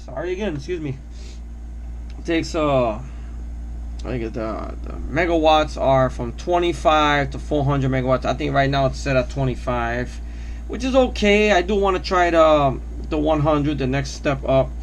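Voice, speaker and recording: A man's voice: mid-range voice, lively intonation, a little slow. Under-the-weather man with background noise. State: under the weather, coughing now and then. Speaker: hobby drone pilot presenting his build. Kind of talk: casual product overview.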